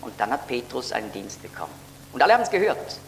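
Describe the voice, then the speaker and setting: A man's voice: mid-range voice, very animated, quick pace, vocal fry. A man giving an earnest, explanatory Bible teaching sermon, lifting his voice to stress key words. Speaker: preacher. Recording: echoey hall with faint hum.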